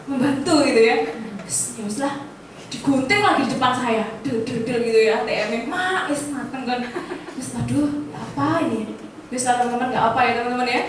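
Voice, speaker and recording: Woman chatting through her story, acts out the quotes, distant mic, bit of noise behind. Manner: lively, acts out quoted dialogue in higher voices, laughs often. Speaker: insurance agent leader sharing her story. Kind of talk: casual storytelling talk. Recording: roomy, distant mic with faint background noise.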